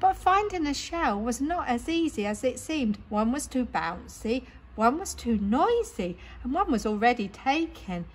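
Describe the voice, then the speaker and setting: A woman reading picture books aloud to children in an animated, dramatic way. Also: fairly high pitch, measured pace, a little hiss or hum. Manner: animated, dramatic, with exclamations and sound words. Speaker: children's storyteller at a library story time. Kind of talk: expressive picture-book read-aloud.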